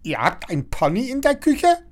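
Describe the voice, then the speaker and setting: A man voicing a nosy, chatty older female neighbor in a storybook reading, in a high chattering voice. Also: normal speed, fairly bright tone.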